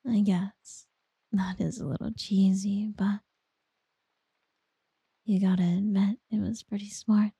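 Soft doting asmr whisper from a woman, super breathy, dry close sound. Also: mid-range voice, little pitch movement, takes it slowly, pauses often, no room sound. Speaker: ASMR roleplayer. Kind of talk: whispered ASMR girlfriend roleplay.

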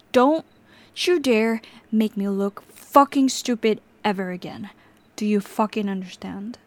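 In an audio roleplay, a young woman plays an obsessive, volatile captor, sliding from soft whispers into sudden sharp outbursts. Her voice is fairly high and heavily acted.

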